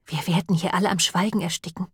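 A woman's voice: on the low side, fairly even intonation, fast, slightly rough, dry recording, clean studio sound. A woman reading an audiobook and voicing an earnest, pious village woman who talks in an urgent, brooding and preachy way.

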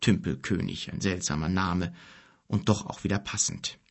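A man narrating a children's storybook in a calm, even manner. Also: deep voice, moderate pace, gravelly. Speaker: audiobook narrator.

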